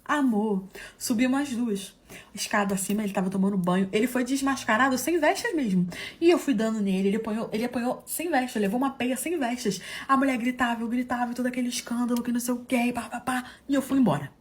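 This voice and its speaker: A woman telling a dramatic personal story in an animated, gossipy way, acting out the dialogue and calling her listeners "love.". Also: a little high, fast talker, husky.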